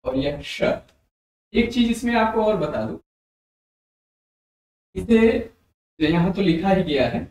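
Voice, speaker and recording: A man teaching a Hindi grammar lesson for exam preparation, explaining slowly and repeating letters and sounds aloud for his students. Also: high voice, expressive, darkish tone. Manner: addresses viewers as dear friends. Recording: very echoey room.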